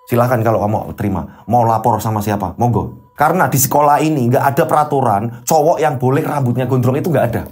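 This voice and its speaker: A man's voice: mid-range voice, fast talker, few pauses, a little mellow, soft background music, voice pushed down, close to an everyday voice. A man with a Javanese accent voicing a stern, short-tempered male schoolteacher who scolds and insists on discipline.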